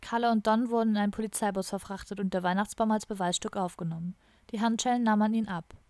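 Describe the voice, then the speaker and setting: A woman narrates an audiobook in an even, wry storytelling tone, mid-pitched and steady. The recording is dry and close, with no room sound. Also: fast talker, dry recording. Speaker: audiobook reader. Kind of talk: scripted narration.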